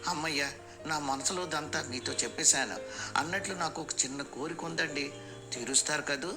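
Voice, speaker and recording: A sweet-talking young bride with a steely edge, read out by a male storyteller, pleading politely yet standing firm. The voice stays near his own slightly high tone, with music behind. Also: normal speed, lightly acted. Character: young bride, polite but fierce karate expert.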